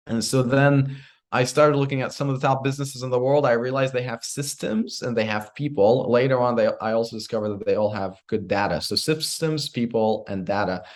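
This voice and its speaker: A man's voice: fairly low pitch, a little mellow. A man in his twenties from Iraq, a podcast guest telling his story with energy and earnest drive. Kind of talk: storytelling interview answer.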